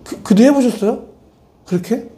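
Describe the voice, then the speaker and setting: A male pastor preaching an animated, conversational sermon at a church service, switching between polite address and blunt casual talk and speaking straight to his listeners. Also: extremely high pitch, normal speed.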